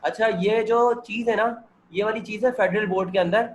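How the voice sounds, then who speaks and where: A hoarse man, working through chemistry multiple-choice questions with a student on a video call and checking that the student follows. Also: sits high, steady tone, moderate pace, muffled recording, a little hiss or hum. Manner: explains step by step and keeps checking that the student understands. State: hoarse, with a sore throat and cold. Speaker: chemistry teacher. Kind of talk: MCQ-solving lecture over video call.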